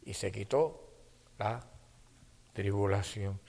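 A man preaching a sermon to his congregation, swinging between hushed near-whispers and loud fervent passages, calling his listeners brother. His voice carries the long reverb of a church hall. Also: lowish voice, takes it slowly, vocal fry.

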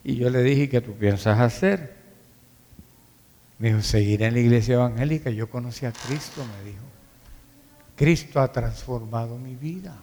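During a church service, a Dominican man from the Dominican Republic delivers a sermon as pastor, emphatic but conversational and repeating phrases to stress points. His warm, mid-range voice keeps a normal speed with long pauses, and the large room gives hall reverb.

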